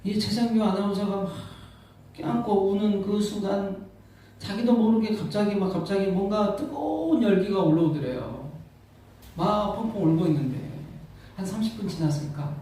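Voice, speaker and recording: A male pastor giving a sermon, telling a story with rising emotion, repeating words and swelling loud on key lines. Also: sits high, normal speed, slight background noise. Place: church sanctuary. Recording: echoey church hall from far off.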